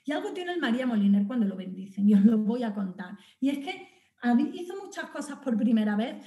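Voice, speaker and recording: A woman giving a public lecture. She is animated, talks straight to her audience, and often restarts and corrects herself. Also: fairly high pitch. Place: lecture hall. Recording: dull echoey hall recording.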